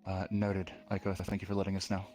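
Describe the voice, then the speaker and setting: A man organizing a roleplay session, giving instructions in a hesitant, halting way. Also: low voice, monotone, darkish tone, soft background music. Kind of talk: casual voice chat.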